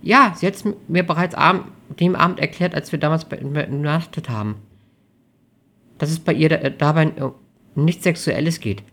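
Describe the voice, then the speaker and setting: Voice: brisk, fairly bright tone. A reader doing a timid, tearful young woman. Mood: anxious. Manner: high, trembling, hesitant with restarts. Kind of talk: audiobook reading.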